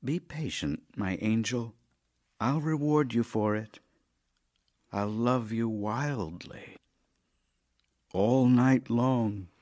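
A male actor voices a witty, weary, affectionate middle-aged playwright in an audio drama built from love letters, his manner dry, teasing, melancholy and theatrical. His mid-range voice is slightly mellow and lightly acted, moving slowly with frequent pauses. The mood is teasing and tender.

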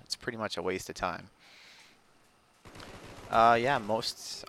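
Laid-back gravelly young man commentating. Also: fairly low pitch, a bit bright, slight background noise. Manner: laid-back, rambling, frequent fillers. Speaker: gameplay commentator. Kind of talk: casual gameplay commentary.

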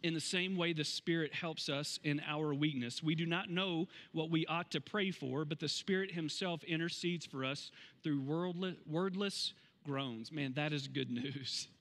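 A man in his forties preaching a sermon on a church stage, conversational and emphatic, slowing down to stress key phrases. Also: a little high, fairly bright tone. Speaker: pastor. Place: large church stage, indoors. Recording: long reverb of a large hall.

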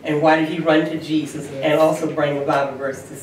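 A woman's voice: deep voice, level tone, a little fast, darkish tone. A middle-aged woman reading out a church announcement to the group. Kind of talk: church announcement read aloud. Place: small indoor meeting room. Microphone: distant camera microphone. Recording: very echoey room, distant mic, faint noise.

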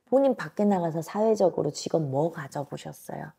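Low gravelly woman fortune teller, blunt and pushy, lapel mic in a small office. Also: a little fast, mellow. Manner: blunt, emphatic, talks down informally. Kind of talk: fortune-telling consultation. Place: small indoor shrine office.

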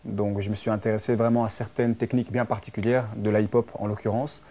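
Interviewed in a small furnished lounge, this early-thirties Belgian dance teacher and social worker recounts his life in Belgian-accented French, talking fast and frequently restarting with fillers. His voice is fairly low, level, and warm.

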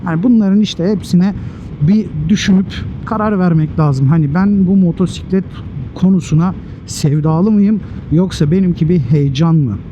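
A man's voice: high voice, moderate pace. A man from Turkey giving casual, emphatic advice as a motorcycle vlogger, talking to viewers like friends from inside a helmet. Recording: muffled helmet mic, loud outdoor traffic noise.

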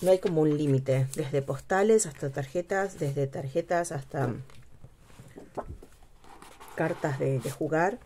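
A middle-aged woman, host of a craft channel, talks through a project at her table while an overhead camera films with her off screen. Her low, unhurried voice is relaxed and meandering, with many pauses and fillers as she often stops to find the right word; there's a little hiss or hum.

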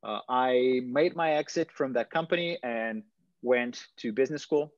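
A Brazilian founder of a startup, in his thirties, gives a halting video-call presentation from home with a stone wall behind, often restarting and filling gaps. He speaks at normal speed in a mid-range voice. His webcam produces dull lo-fi audio with no room sound.

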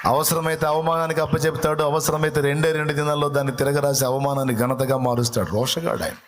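A man's voice: fairly high pitch, flat delivery, a little hiss or hum. Man preaching with rhetorical questions. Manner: reads scripture slowly and deliberately. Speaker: pastor. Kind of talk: sermon.

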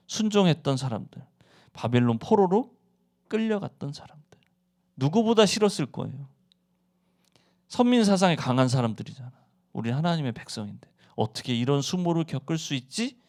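A man's voice: on the high side, lively intonation, a little fast. A male pastor preaching a sermon who keeps asking the congregation questions and answering them himself.

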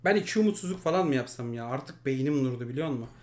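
A man commentating his mobile game live, muttering and then shouting and swearing at his teammates. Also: mid-range voice, lively intonation, rapid-fire.

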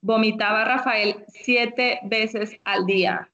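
A woman with a Mexican accent tells her personal story to an interviewer. She speaks in a somewhat high voice and brings the people in her story to life. The audio is muffled and lo-fi, like a call recording. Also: slow. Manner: animated storytelling, acting out what others said. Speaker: interview guest. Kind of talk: personal testimony in a remote interview.

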